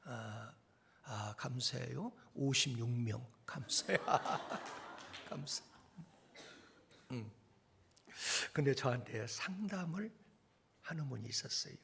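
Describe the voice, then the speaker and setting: A man with a Jeolla accent preaching a humorous sermon to a congregation, joking and then shouting. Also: medium pitch, slow pace, gravelly, long pauses, slight background noise. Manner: animated, joking, swings to shouting. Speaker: guest preacher at evangelism seminar. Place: church hall with congregation.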